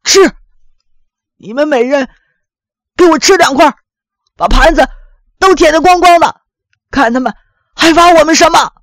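A woman's voice: high-pitched, measured pace, long pauses, a bit bright, no echo, clean studio sound, voice pushed up. A woman voicing an embarrassed middle-aged man who mutters apologies to his family. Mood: commanding.

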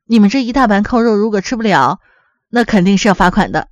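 A woman's voice: mid-range voice, lively intonation, fast talker, no echo, lightly acted. A woman voicing a courteous young restaurant waitress who explains rules patiently. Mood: polite.

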